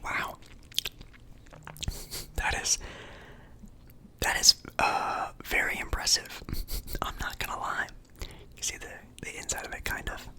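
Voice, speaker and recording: A man's voice: measured pace, long pauses, sharp tone. A young man whispering casually as an ASMR creator, chatting about food between bites.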